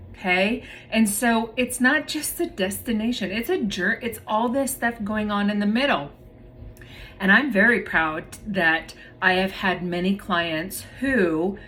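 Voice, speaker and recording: A woman's voice: mid-range voice, a bit bright. Chatty woman therapist, casual explainer to camera, mid-range voice, faint hiss behind. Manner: chatty, explains plainly, addresses viewers as "you guys". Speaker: myofunctional therapist. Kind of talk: casual educational talk to viewers.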